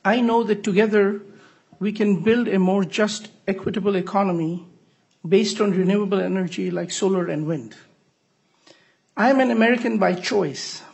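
High, gravelly man from Bangladesh. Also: darkish tone. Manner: earnest, formal speech. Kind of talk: legislative testimony.

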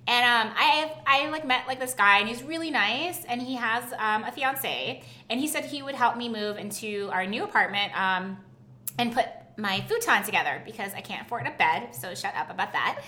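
Woman, comedy show co-host; bright, lively, rambling delivery; echoey room. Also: fairly high pitch, moderate pace, a little hiss or hum. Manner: chatty, peppers speech with "like". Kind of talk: improvised comedy chat.

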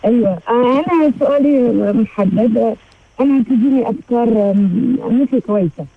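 A woman's voice: on the high side, breathy edge, no room sound. Hesitant woman caller on a muffled phone line. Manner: hesitant, halting, with many fillers. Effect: thin phone-line sound over a weak connection. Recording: muffled narrow-band phone call.

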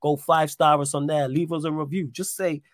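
A man's voice: a little high, steady tone, normal speed, no echo. London roadman podcast host, dry close sound. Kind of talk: casual live football podcast chat.

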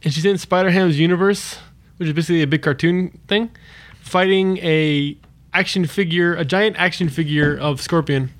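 A man co-hosting a casual podcast chat, telling things in a halting, excited, giggly way. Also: on the high side. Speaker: podcast co-host. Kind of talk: casual chat about comic books.

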